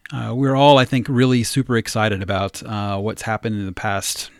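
A man, a guest on the show, chatting in a relaxed way with frequent filler words. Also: fairly low pitch, moderate pace, no room sound, clean studio sound. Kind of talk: casual chat.

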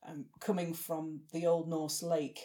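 A woman's voice: low-pitched, flat delivery, measured pace, dark tone. A woman from Yorkshire with a broad Yorkshire accent, chatting casually as a podcast co-host and explaining things. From Yorkshire, England. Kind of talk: casual chat, explaining local dialect.

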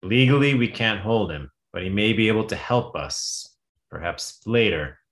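Man acting a deep-voiced, measured prison official. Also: lively intonation, a bit bright. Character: measured, official prison authority explaining a predicament. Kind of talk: script table read.

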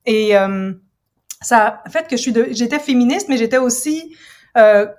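A woman's voice: on the high side, lively intonation, a little mellow. Reflective woman in her fifties from Ottawa. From Ottawa, Canada. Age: 50s. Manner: reflective, measured, explanatory. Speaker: guest, university professor and writer. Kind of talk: casual interview talk.

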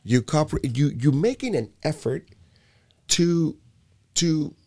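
In a relaxed conversation, a fairly high-pitched, slow-speaking man from Puerto Rico, who directs a youth basketball program, sounds animated and emphatic while frequently repeating words.

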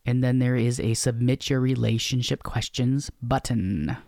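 A man's voice: mid-range voice, fairly even intonation, moderate pace, creaky, darkish tone, no room sound, studio quality. A man co-hosting a casual relationship podcast, rambling and jokey, laughing between phrases. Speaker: podcast co-host.

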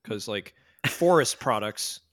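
A man's voice: on the low side, lively intonation, slow, a bit bright, no echo, clean studio sound. An American man hosting a casual podcast chat, joking and steering the talk. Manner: joking, leads the conversation. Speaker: podcast host.

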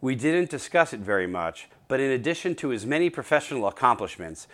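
A man's voice: medium pitch, big pitch swings, fairly quick, a bit bright. A man hosting an interview podcast, closing with a scripted summary and a plain sign-off. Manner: laughs often, ends with a playful spoken rap. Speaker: podcast host.

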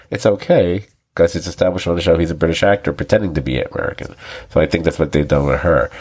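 A man co-hosting a TV review podcast, rambling casually with restarts, laughing often and acting out quoted lines. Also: low-pitched. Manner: acts out quoted lines with animated voices. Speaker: podcast co-host.

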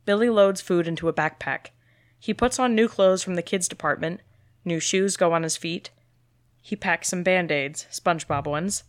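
A woman with a fairly low voice reads a screenplay's stage directions in a steady, matter-of-fact way. The sound is dry and close, with little room around it. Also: normal speed, no echo. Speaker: script reader.

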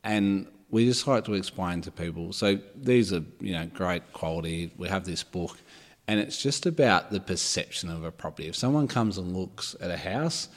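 A very deep-voiced man co-hosts a podcast in a relaxed, weary manner. The reverb of the room lingers behind his words. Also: normal speed. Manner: laid-back, tired. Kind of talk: casual podcast conversation.

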